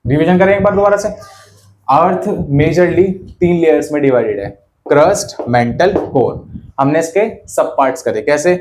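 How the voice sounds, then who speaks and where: A man's voice: fairly high pitch, lively intonation, moderate pace, darkish tone, slight background noise. A young male teacher giving a whiteboard lesson, firing rhetorical questions and having students repeat key terms after him.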